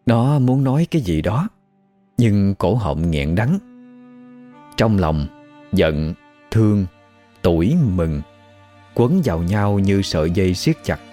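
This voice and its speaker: A man narrating a ghost story in an expressive storytelling manner. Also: low voice, slow, long pauses. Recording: faint background music.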